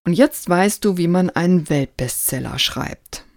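A woman's voice: on the low side, animated, measured pace, gravelly, darkish tone, no echo, clean studio sound. A woman reading aloud the lines of an eager, slyly ambitious man who wants to write a bestseller. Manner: read aloud with light emphasis.

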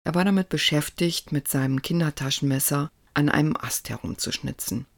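A narrator reading a story aloud in a calm, even storytelling manner. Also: medium pitch, fairly quick, gravelly, no echo.

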